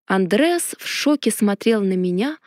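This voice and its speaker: A woman narrating a fantasy storybook in a lively first-person telling. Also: mid-range voice, unhurried, no echo, studio quality. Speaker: audiobook narrator.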